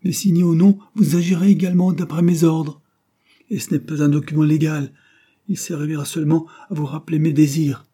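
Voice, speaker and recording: A man's voice: mid-range voice, normal speed, mellow, husky, voice pushed up, close to an everyday voice. A man voicing a dying old man who gives solemn, urgent orders from his deathbed, in an audiobook reading. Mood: agitated.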